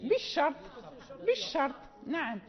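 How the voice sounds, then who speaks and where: A woman teaching Quran recitation rules in a lesson, often checking in with listeners and drawing out quoted verses slowly. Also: high-pitched, very animated. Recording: dull lo-fi audio with long hall reverb.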